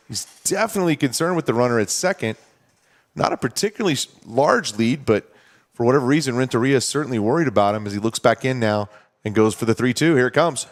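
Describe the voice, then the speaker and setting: A man calling a baseball game play-by-play, talking steadily and conversationally and explaining strategy between pitches. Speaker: play-by-play announcer. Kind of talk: baseball commentary.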